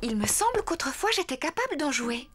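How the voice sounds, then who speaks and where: An actress playing an affectionate, lively mother pig in a cartoon, expressive and gently teasing. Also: sits high, brisk, noisy background. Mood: fond.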